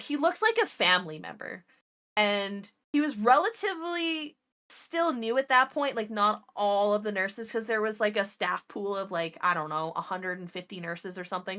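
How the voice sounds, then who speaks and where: This woman, once an ICU nurse, chats away in a mid-range voice with a bright, forceful tone as she paints miniatures. Her storytelling is profane and talkative, punctuated by frequent laughter.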